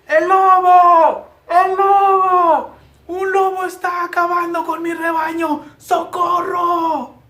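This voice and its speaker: A man voicing a frightened shepherd boy, shouting for help in slow, drawn-out cries. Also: very high-pitched, level tone, voice pushed up, full character voice. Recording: echoey room.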